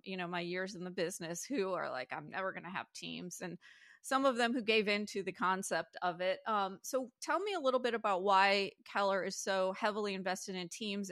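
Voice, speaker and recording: A woman's voice: medium pitch, fairly bright tone, no room sound, studio quality. A woman hosting a podcast interview, chatty and casual, with fillers and light self-deprecating asides. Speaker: podcast host.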